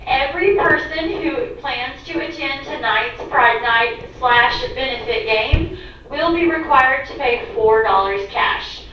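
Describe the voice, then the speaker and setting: A woman making a brisk, matter-of-fact announcement over a school intercom loudspeaker, heard in a classroom. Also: sits high. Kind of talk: public address announcement. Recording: echoey, distant, faint noise.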